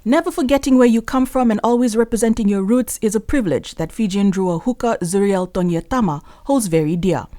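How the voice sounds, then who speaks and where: A woman news reporter reading a scripted voice-over with even, formal delivery. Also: medium pitch, a little fast, few pauses, dry recording, clean studio sound.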